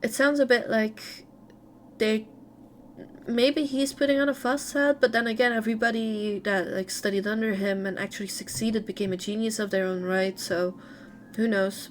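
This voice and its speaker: A woman's voice: mid-range voice, little pitch movement, normal speed, slight background noise. Woman reading game lore with chatty asides. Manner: chatty asides between read passages. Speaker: lore reader.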